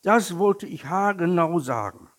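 A man's voice: medium pitch, very animated, takes it slowly, warm tone, pitched above the performer's own voice. A man voicing a small sick male tiger cub in a storybook reading, whiny and demanding, with a raised, pleading voice. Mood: eager.

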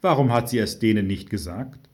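A man's voice: fairly low pitch, expressive, brisk, a little mellow, close to an everyday voice. A man voicing a cheeky, unruly boy who blurts out remarks. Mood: challenging.

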